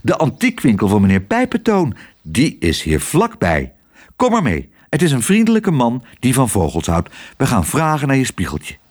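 A man's voice: medium pitch, wildly swooping pitch, normal speed. A man voicing a clever, sly male crow in a children's audiobook. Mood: helpful.

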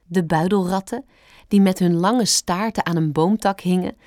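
A woman reading a children's storybook aloud, calm and gentle, with expressive turns. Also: fairly low pitch, normal speed, no room sound, studio quality. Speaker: narrator.

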